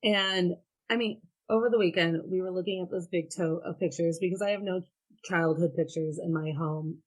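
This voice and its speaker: Frank woman from Ohio, thirties, lowish voice. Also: fairly even intonation, moderate pace, poor audio. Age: 30s. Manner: frank and storytelling, with wry laughs. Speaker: podcast guest. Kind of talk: casual chat.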